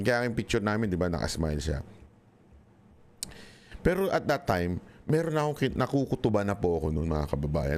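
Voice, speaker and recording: A man's voice: low-pitched, a little mellow. A man giving an impassioned political monologue to his viewers, switching between Tagalog and English. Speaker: political commentator.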